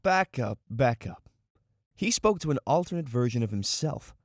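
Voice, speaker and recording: A man's voice: medium pitch, sing-song, normal speed, dry recording, studio quality, lightly acted. A man playing a wisecracking young agent. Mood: wry. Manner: sarcastic, jokey. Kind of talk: audio drama acting.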